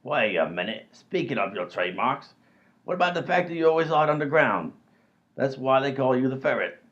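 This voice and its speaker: Here a man plays a blustering, dim-witted robber for a comedy radio play, his mid-range voice natural, a bit bright, brisk and animated. It's captured on dull, lo-fi audio.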